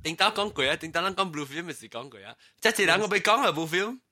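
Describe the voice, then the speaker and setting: A man's voice: a little high, expressive, fast, bright, forceful tone. A man hosting a casual chat, steering the topics and laughing often.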